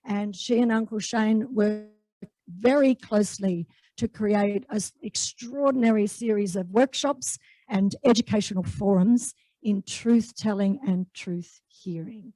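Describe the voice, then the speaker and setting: Hosting an evening event in a large room, a woman with an Australian accent speaks enthusiastically with many fillers; she is the host and executive officer. Her voice is medium-pitched and mellow, a little slow, captured in a dry, rough recording.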